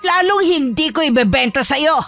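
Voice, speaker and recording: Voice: mid-range voice, animated, moderate pace, a bit bright, soft background music, natural voice. A voice actor playing a stern, hostile old witch in a horror audio drama, speaking coldly and threateningly. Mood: menacing. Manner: cold and threatening. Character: stern, hostile old female witch who guards her garden.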